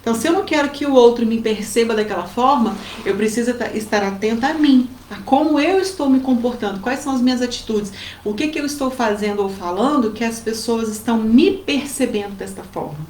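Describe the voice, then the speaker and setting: A woman with a Brazilian accent, co-hosting a casual advice chat and telling family stories in a lively way. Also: on the high side, fairly quick, few pauses. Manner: lively storytelling with acted quotes. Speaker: co-host giving family advice. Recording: roomy with faint background noise.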